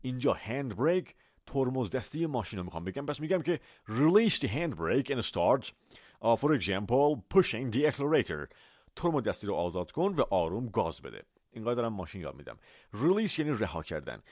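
A man's voice: lowish voice, no room sound, clean studio sound. A man teaching English vocabulary to Persian speakers, repeating each word and explaining it with everyday examples. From Iran. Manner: animated, repeats words for pronunciation and switches between Persian and English.

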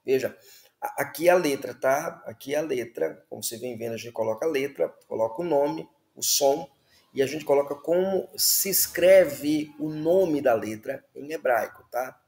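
A man's voice: mid-range voice, lively intonation, normal speed, darkish tone, reverberant. A man teaching the Hebrew alphabet, patiently repeating words and checking in with listeners. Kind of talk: slow classroom explanation.

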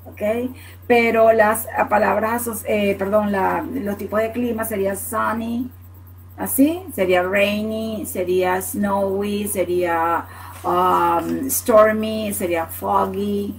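A woman from Latin America speaks slowly and steadily in a creaky, medium-pitched voice while teaching English words in Spanish on a live online class. She patiently explains, says "ok?" after each point, and answers viewers by name. The audio is poor, with slight background noise.

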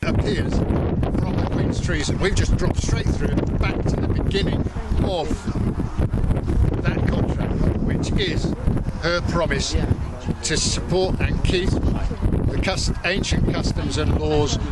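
A middle-aged male activist with a high voice gives an impassioned political talk to a small group in an open grassy field, speaking slowly in an emphatic, declamatory way. A camera microphone a few steps away picks him up amid very loud wind and ambient noise.

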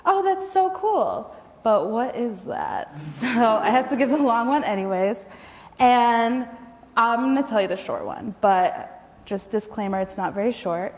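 A woman's voice: on the high side, expressive, unhurried, darkish tone. A woman in her twenties from Michigan tells a personal story on stage, in a casual, conversational way with frequent ums, speaking into a lapel mic in a lecture hall. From Michigan, United States. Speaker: storyteller at a food event. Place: lecture hall with projector screen. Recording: reverberant hall.

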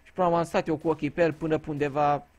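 A man's voice: fairly high pitch, flat delivery. A man from Romania giving casual gameplay commentary, telling crude, joking stories and swearing freely. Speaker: gaming YouTuber.

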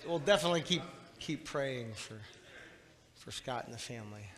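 Middle-aged pastor, earnest halting prayer, mid voice, long church reverb from the back. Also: male voice, mid-range voice, expressive, fairly bright tone. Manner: earnest, halting with repeated words. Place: small church sanctuary, indoors. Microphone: far camera at the back of the church. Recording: reverberant church hall, faint room hiss.

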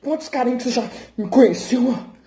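A man's voice: extremely high pitch, fast, mellow. A young man, an athlete vlogger, giving a brash, profane, slang-filled motivational rant and boasting about himself.

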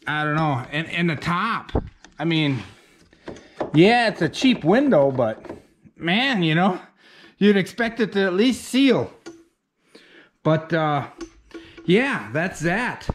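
Here a homesteader with a sing-song voice on the high side takes things slowly, leaving long pauses, with a little hiss or hum in the background. He gives a casual, rambling tour of his barn build outside at the rural site and inside the wooden building, folksy and self-deprecating throughout.

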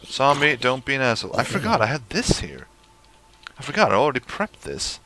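Young man, gameplay commentary, gravelly, lively pitch, swears at mobs, faint noise. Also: brisk. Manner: swears at the game, talks to mobs. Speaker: let's play gamer.

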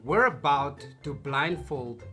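A man co-hosting a casual couple challenge vlog, playful and teasing, often bursting into loud laughter. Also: fairly high pitch, slow pace, soft background music. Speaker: vlogger co-host.

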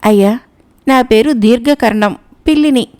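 A woman's voice: fairly high pitch, moderate pace, a little mellow, natural voice. A woman voicing a sly male cat who poses as pious and meek, talking in a fawning, pleading way. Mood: pleading flattery. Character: sly male cat feigning holy meekness.

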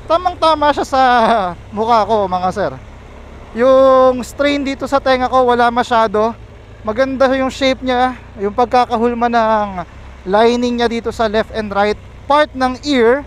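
A man's voice: very high voice, a little slow, slight background noise. A man speaking from inside a full-face helmet, chatting casually to his viewers while he reviews it on a motorcycle ride. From Philippines. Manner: chatty, keeps addressing viewers as sir. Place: outdoors on a motorcycle. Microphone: helmet-mounted action camera.

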